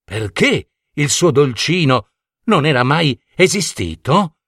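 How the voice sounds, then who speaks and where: A man narrating a fairy tale in a slow, expressive storyteller style. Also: fairly high pitch, dry recording, studio quality.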